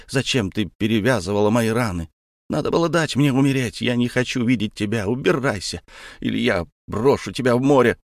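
A man's voice: medium pitch, no echo, natural voice. Storybook husband, stout and jealous, impassioned, voiced by a male reader, dry close sound. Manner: impassioned, outbursts of jealous anger. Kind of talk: audiobook character reading.

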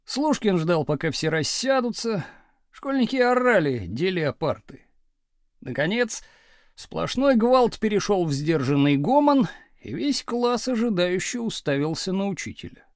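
An audiobook narrator, male, reads a novel aloud with dramatic, expressive storytelling. His voice is high and very lively in pitch, a little slow, and the recording is close and completely dry with no echo.

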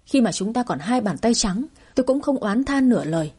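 A woman's voice: fairly high pitch, expressive, brisk, dark tone, breathy edge. A woman storyteller voicing a stubborn middle-aged mother who complains and wails in a spoken audio story. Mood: wailing. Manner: wailing, obstinate.

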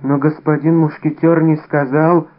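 A man's voice: flat delivery, measured pace, close to an everyday voice. A man reading an audiobook, voicing a frightened, pleading haberdasher in a narrow, phone-like recording. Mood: timid. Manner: shrill panicked pleading.

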